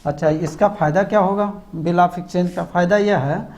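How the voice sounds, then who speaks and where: A man's voice: sits high, moderate pace, a little mellow, lo-fi sound. A man teaching a commerce lesson, who repeats key terms and quizzes the listener. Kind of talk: classroom lecture.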